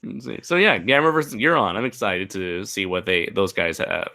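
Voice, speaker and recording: Male livestream host, lively up-and-down delivery, bright tone, playful, stalls with fillers while reading. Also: sits low. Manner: joking, pauses with "let's see". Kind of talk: casual panel chat.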